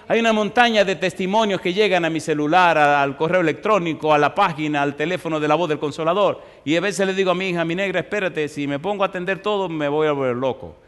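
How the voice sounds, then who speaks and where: A male pastor preaching a sermon, telling stories and putting rhetorical questions to the congregation, growing louder and slower on scripture. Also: high voice. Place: church. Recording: long reverb of a large hall.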